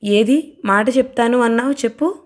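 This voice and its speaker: A woman voicing a sulky young husband who keeps pressing his wife for news in an audio novel, with no deepening of her voice. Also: moderate pace, natural voice. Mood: insistent. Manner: pleading, insistent demands.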